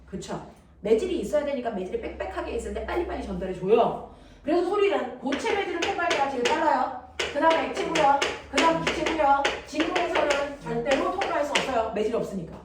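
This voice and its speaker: A woman teaching science to a class, blunt and teasing, checking again and again that the students follow. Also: high voice. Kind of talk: classroom lecture. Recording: echoey room, distant mic, noisy.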